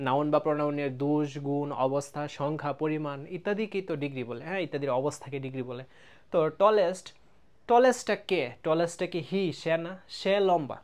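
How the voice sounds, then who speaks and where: A man teaching an English grammar lesson in a casual video, explaining step by step, checking that students follow, and drawing out example words slowly. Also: fairly high pitch, lively intonation, a little mellow, smooth. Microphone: close mic, writing on a board.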